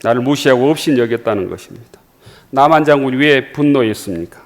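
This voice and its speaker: Korean pastor preaching in a reverberant hall. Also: male voice, medium pitch, expressive, brisk. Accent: Jeolla Korean. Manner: earnest, repeats phrases for emphasis, rhetorical questions. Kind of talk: sermon. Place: church sanctuary.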